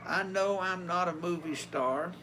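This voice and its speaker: Older male vlogger, Appalachian Tennessee accent, notably high-pitched voice, folksy and plainspoken, some background noise. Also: measured pace, pushed and bright. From Tennessee, USA. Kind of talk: casual vlog talk.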